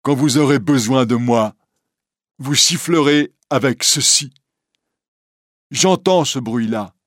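A man voicing a gentle, devoted deaf hunchback in a storybook reading, earnest and pleading. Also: medium pitch, dry recording, studio quality, pitched above the performer's own voice. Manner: earnest, pleading, raised and slow.

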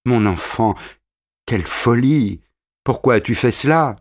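A man's voice: medium pitch, expressive, measured pace, close to an everyday voice. Man voicing a desperate young hero. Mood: urgent. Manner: raised, urgent cries.

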